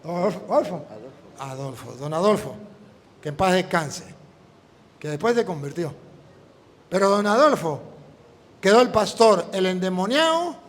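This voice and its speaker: High-voiced priest telling a story. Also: male voice, unhurried, pauses often. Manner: lively storytelling, acting out dialogue. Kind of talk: storytelling sermon. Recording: long hall reverb.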